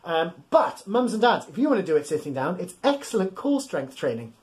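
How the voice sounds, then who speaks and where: Reading a picture book with young listeners, a man in his thirties acts as an animated storytime host, talking straight to the kids, encouraging them, and acting the story out physically in playful, exaggerated style. His voice is high-pitched and fairly quick, and he's in a small room at home.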